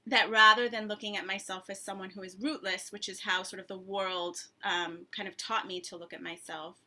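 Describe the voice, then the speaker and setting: A woman's voice: medium pitch, steady tone, normal speed, pushed and bright. A woman author in her thirties answering at length in a thoughtful, conversational way, with frequent ums and restarts. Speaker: author and guest.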